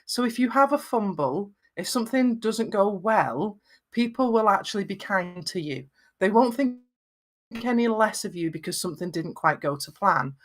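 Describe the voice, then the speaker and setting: A middle-aged woman with a Lancashire accent and very flat vowels, giving encouraging, conversational advice in an interview. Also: mid-range voice. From Lancashire, northwest England. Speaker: video confidence coach and podcaster.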